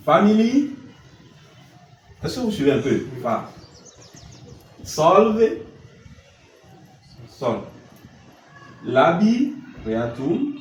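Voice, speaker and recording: Lively male music teacher, echoey room. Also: fairly high pitch. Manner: asks questions and answers them himself; sings note names in scales. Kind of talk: classroom lesson. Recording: echoey room, mic far off, loud noise.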